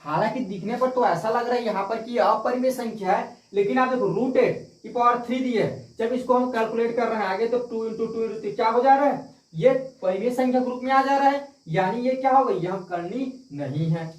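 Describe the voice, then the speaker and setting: A man's voice: extremely high pitch, brisk. A man teaching a math lesson, asking the class questions and answering them himself, repeating key points. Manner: repetitive, asks and answers own questions. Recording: echoey room, distant mic.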